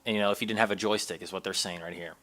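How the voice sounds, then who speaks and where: A man's voice: low-pitched, fairly even intonation, very fast, pushed and bright. A man co-hosting a casual gaming podcast, rambling and speaking straight to the listeners. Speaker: podcast co-host.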